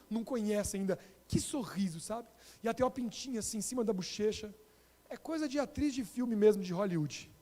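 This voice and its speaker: A Brazilian pastor with a Brazilian Portuguese accent, telling a story in an animated sermon and addressing the congregation directly. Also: male voice, high-pitched. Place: church. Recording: long reverb of a church hall.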